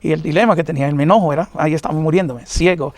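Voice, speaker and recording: Fast, halting preacher man telling his testimony. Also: a little high, darkish tone, dry recording. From New York, of Puerto Rican parents. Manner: earnest, halting, many fillers. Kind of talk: personal testimony in an interview.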